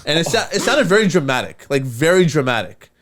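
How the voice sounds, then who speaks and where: Animated, swearing male podcast storyteller. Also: on the high side, a little fast, slight background noise. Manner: animated, profane, acts out quoted voices. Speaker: podcast co-host. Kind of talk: casual storytelling.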